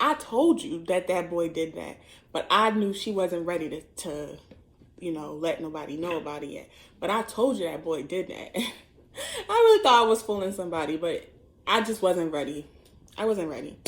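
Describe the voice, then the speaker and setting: A young woman telling a personal story in a vlog, candid and emotional, acting out what people said. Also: fairly low pitch. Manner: candid, emotional retelling with acted quotes. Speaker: vlogger.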